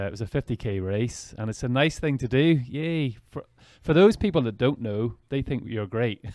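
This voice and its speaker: Brief: fairly low male podcast host, reflective, thinks aloud, dry close recording. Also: darkish tone, no room sound. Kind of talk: casual interview chat.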